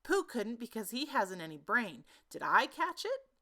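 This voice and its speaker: A woman's voice: a little high, sing-song, moderate pace, fairly bright tone, voice pushed up, full character voice. A woman voicing a small, innocent boy in a storybook, curious, caring and eager with his questions.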